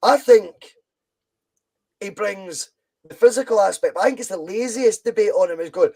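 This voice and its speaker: This is casual football chat from a Scottish man hosting a podcast, who argues with passion and restates points for emphasis. He has a high, darkish voice and talks at a normal speed.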